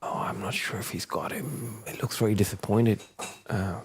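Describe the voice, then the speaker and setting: A low, gravelly man talks over a snooker match in a halting, unhurried way, full of small pauses and fillers. A faint hiss sits under his voice. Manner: hesitant, filler-heavy, soft-spoken. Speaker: guest commentator. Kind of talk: casual snooker commentary.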